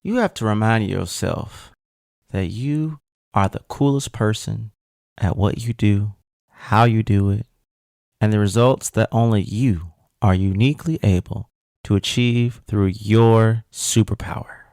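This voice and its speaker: A man hosting a podcast, giving an energetic, emphatic motivational monologue straight to the listener. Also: on the low side, unhurried, vocal fry, no echo, studio quality. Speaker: podcast host.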